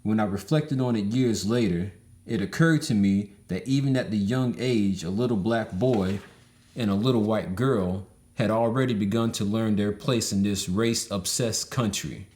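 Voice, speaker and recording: Low-voiced man reading a memoir. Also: a little mellow. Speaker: audiobook reader. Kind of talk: memoir read aloud.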